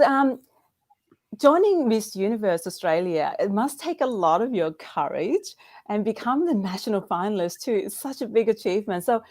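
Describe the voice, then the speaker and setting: A woman's voice: mid-range voice, dry recording, clean studio sound. A middle-aged woman hosting a live online Q&A, talking with many fillers and restarts. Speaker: brand founder and host.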